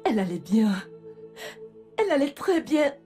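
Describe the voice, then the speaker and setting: A frantic, high-voiced wife. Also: female voice, sing-song, moderate pace, dark tone, faint music behind. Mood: shaken. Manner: panicked, pleading, breaking into sobs. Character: frantic grieving wealthy wife. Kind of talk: French dub of a film.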